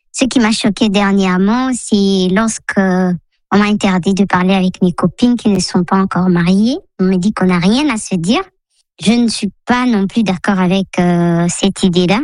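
Une femme de la RDC à l'congolais laisse un message sur le répondeur d'une émission de radio. Sa voix est passée dans un modificateur de voix pour rester anonyme, et elle parle posément avec de petites hésitations. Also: female voice, medium pitch, darkish tone, no echo. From DR Congo. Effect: voice altered by a voice changer to hide her identity. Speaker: caller leaving a voicemail. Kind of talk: recorded phone message to a radio show.

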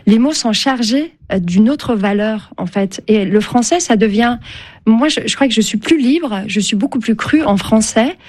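Her voice fairly high, expressive and darkish at a moderate pace, a novelist from Turkey gives a radio interview in French, a language other than her native Turkish. She comes across as reflective and hesitant, with frequent fillers and restarts.

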